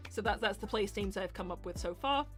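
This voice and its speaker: Faint music plays behind this woman's medium-pitched, fairly quick voice. As host and voice actor of a live character Q&A, she reads viewer questions in an animated, casual way and reasons her way to answers aloud.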